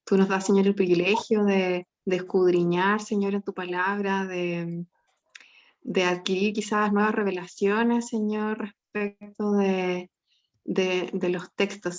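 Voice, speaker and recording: A woman's voice: mid-range voice, muffled recording. A woman leading an opening prayer in a spontaneous, fervent manner, addressing God again and again. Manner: fervent, repeats "Señor" often. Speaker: class participant leading prayer.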